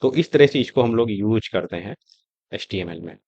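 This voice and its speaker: A man teaching a screen-recorded coding lesson, talking step by step in a relaxed, conversational way as he types and shows results. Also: lowish voice, moderate pace, no echo, lo-fi sound. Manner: conversational, explaining step by step while typing. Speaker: coding tutor.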